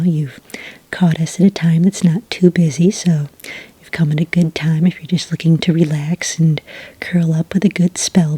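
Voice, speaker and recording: Very softly and breathily, a low-voiced woman whispers through an ASMR roleplay, cast as an accommodating witch working at a quaint cafe. She chats gently and takes her time, close to a dry mic with no room sound.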